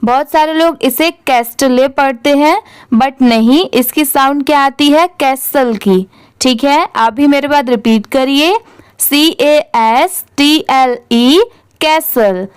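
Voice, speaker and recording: A woman's voice: high voice, slow, dry recording. A young woman teaching English reading, spelling each word out letter by letter and checking in often with her students.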